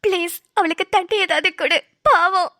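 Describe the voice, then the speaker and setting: A woman voicing a frightened but defiant young heroine in a cartoon, with a squeaky, tearful manner. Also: normal speed, sharp tone. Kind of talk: cartoon voice acting.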